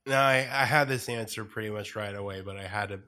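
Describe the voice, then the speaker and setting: Brief: male podcast guest, improv performer, bright sharp voice, hesitant and giggly. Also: on the low side, fast. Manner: rambling, laughing, hesitant with many uhs. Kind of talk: casual chat.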